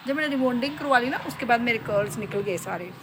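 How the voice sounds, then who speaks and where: A woman's voice: a little high, animated, quick pace, noisy background. A middle-aged woman chatting playfully to her viewers in a casual home vlog. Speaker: vlogger.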